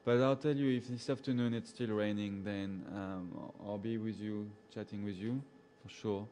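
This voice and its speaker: Easygoing and talkative, this safari guide with a French accent, from a French-speaking background, laughs frequently as he reads out live viewers' comments and greets them by name. His voice is fairly low, his pace moderate, and faint hiss or hum can be heard.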